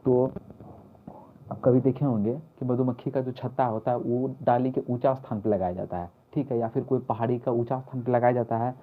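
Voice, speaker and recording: A man's voice: mid-range voice, fairly even intonation, a little fast. A man teaching exam mnemonics, repeating key words and asking questions he answers himself. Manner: repetitive, asks questions and answers them himself. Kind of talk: mnemonic lesson for exam prep. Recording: tinny phone-like lo-fi audio.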